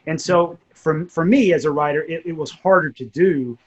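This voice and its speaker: A man's slightly rough, high-side voice comes through with the highs cut off, at a normal speed. He writes and narrates audio drama, and here he's casually reflecting on and explaining his creative process.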